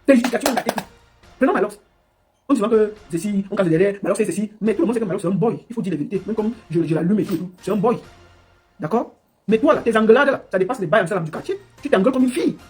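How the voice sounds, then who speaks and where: Woman livestreamer, husky and high-ish, in a scolding rant over faint music. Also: darkish tone. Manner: scolding, mocking, rapid-fire. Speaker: livestream commentator. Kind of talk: ranting live commentary.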